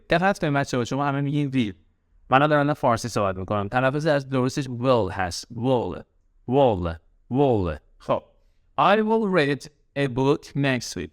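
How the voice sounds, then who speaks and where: A man with a Persian accent teaching English grammar in a recorded lesson, slowing down to spell out example sentences and drilling key words by repetition. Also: medium pitch, clean tone, dry recording, clean studio sound.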